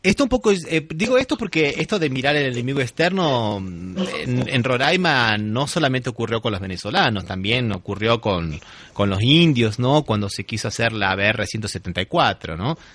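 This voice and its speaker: A man's voice: mid-range voice, expressive, normal speed, fairly bright tone, dry recording. Reflective male radio host. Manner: reflective, asks tag questions often. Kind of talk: conversational radio interview.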